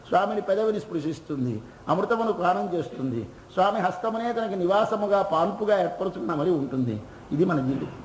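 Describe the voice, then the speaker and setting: A man's voice: sits high, a little mellow, roomy sound, a little hiss or hum, low-quality recording. A man with a Telugu accent giving a devotional sermon, asking questions and answering them himself. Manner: asks and answers his own questions; chants verses in a slow singsong. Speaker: religious discourse speaker.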